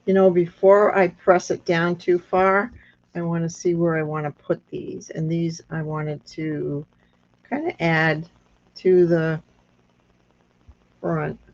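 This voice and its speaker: Woman doing a crafty how-to, thin squeaky reedy voice, real slow and chatty, kinda muffled cheap recording. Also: steady tone, darkish tone. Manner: unhurried, thinking aloud with pauses. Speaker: craft tutorial host. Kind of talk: casual hands-on craft demonstration. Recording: dull lo-fi sound.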